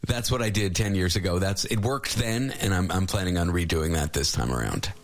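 This is a man in his forties with a slightly low voice who speaks openly and reflectively. He chats in an easy, casual way and weighs his thoughts as he talks. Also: a little fast. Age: 40s. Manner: candid, reflective and chatty. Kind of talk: casual chat.

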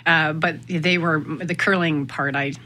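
A woman's voice: deep voice, fairly even intonation, measured pace, pushed and bright. A woman from Canada, a guest on a radio interview, speaking reflectively with many fillers and restarts. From Winnipeg, Canada. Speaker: guest, sales executive. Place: radio studio.

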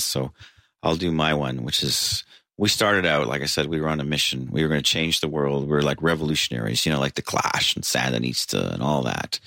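A man in his sixties, a singer telling an animated story in an interview. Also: rumbling low, gravelly, no room sound. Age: 60s. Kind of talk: casual storytelling.

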